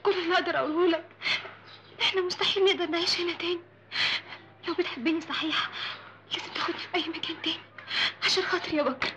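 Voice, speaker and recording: A tearful pleading young Egyptian wife. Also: female voice, extremely high pitch, fairly even intonation, very fast, background noise. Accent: Egyptian Arabic. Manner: pleading, evasive.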